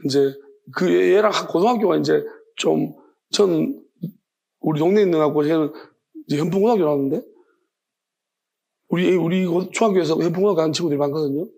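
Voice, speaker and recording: A man's voice: a little high, vocal fry, darkish tone, husky. A man preaching an informal evening sermon as a pastor, telling rambling personal stories. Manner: conversational, rambling, self-correcting. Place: church sanctuary.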